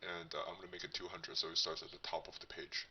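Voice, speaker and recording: A man hosting a casual coding tutorial, his voice disguised as a deep one by a voice changer, thinking aloud as he demonstrates. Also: flat delivery, fast, pushed and bright, slightly rough, far from the mic. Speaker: tutorial host.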